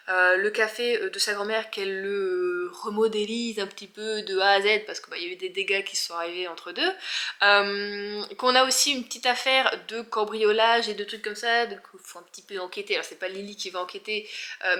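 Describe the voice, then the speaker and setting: A young woman from northern France with a northern French accent, chatting casually in a book vlog with lots of fillers. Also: medium pitch. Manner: chatty, animated, many fillers. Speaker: book vlogger.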